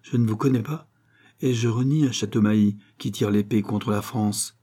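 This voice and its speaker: A man's voice: lowish voice, fairly even intonation, normal speed, mellow, slightly rough. A man playing a cold, stern hussar colonel. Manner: cold, clipped.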